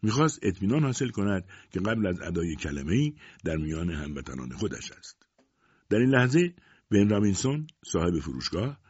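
A man narrating a story in a measured, expressive reading voice. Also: low-pitched, husky, dry recording. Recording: dull lo-fi dry recording.

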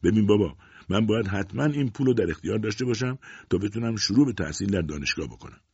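A man's voice: lowish voice, animated, gravelly, darkish tone, slightly rough, no echo, muffled recording, full character voice. A man voicing a young man who pleads earnestly and insistently with his father in an audiobook.

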